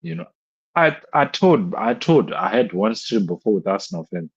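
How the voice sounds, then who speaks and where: A young man ranting on a live stream, exasperated and looping back over the same points. His voice sits low and sounds husky, and the audio comes through dull and lo-fi. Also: very animated, moderate pace. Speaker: football fan streamer. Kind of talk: live stream match rant.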